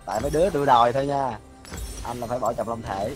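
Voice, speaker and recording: A man streaming a game, loudly teasing and shouting at his teammates. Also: mid-range voice, fast. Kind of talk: excited gameplay commentary. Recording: game music behind.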